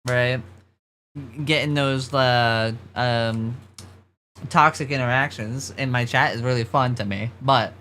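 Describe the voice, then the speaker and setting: A streamer chatting casually on a livestream in an animated, sweary manner. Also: mid-range voice, slow pace, slight background noise. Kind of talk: casual livestream chat and gaming commentary.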